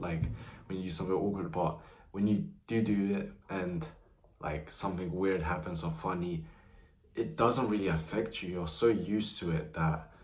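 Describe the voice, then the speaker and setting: A man's voice: sits low, echoey room. A nineteen-year-old man talking casually to camera about his own life, rambling with lots of fillers. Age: young adult, nineteen. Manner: loose, rambling, many "you know" fillers. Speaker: vlogger. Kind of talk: casual personal talk to camera.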